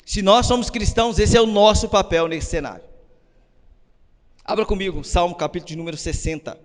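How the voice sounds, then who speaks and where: A man preaching a sermon as pastor, asking the congregation questions and building up to shouted emphasis. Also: sits high, a little fast. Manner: rises to shouting when stressing a point. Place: church. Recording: long reverb of a church hall.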